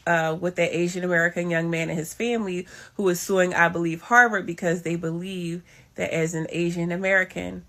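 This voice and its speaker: A woman's voice: on the low side, vocal fry, fairly bright tone. A woman giving emphatic political commentary, repeating phrases for weight.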